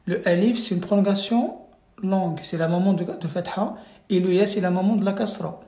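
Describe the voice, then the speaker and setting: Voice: mid-range voice, fairly quick, dark tone, reverberant. A teacher running a live reading class, calling on students and correcting them patiently, drilling syllables over and over.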